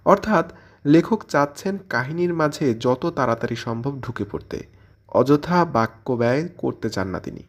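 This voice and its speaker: This man, who presents a literary audio channel, talks at a normal speed in a medium-pitched, expressive voice. He delivers a scripted literary commentary in an explanatory manner, raising questions and answering them as he goes.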